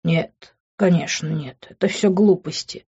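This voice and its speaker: A brooding, self-doubting young man, read by a woman, speaks in a low-key mutter. The voice sits low and subdued. The recording has a dull, lo-fi sound. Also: measured pace, dark tone, husky, exaggerated voice.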